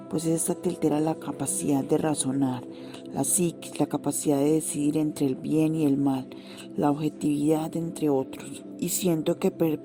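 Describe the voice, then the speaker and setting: A woman giving a reflective, prepared testimony. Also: sits low. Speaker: interview participant, sociology graduate. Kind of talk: reflective testimony, partly read from a script.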